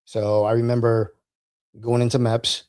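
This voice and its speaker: A man, an Army veteran guest, talking casually in an interview, halting and repeating words, laughing as he tells stories. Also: mid-range voice, monotone, darkish tone, clean tone.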